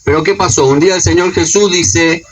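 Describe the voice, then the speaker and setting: A man's voice: fairly high pitch, a little fast, slightly rough, recorded from a distance, poor audio. A man with a Rioplatense accent preaching a sermon. He retells scripture stories and often adds a questioning "no?". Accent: Rioplatense Spanish.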